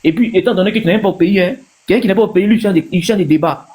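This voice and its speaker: Speaking at a racing pace, an Ivorian man with a high-pitched, darkish voice and an Ivorian accent offers his views as a guest on a livestream panel. He keeps it informal and repeats points to drive them home.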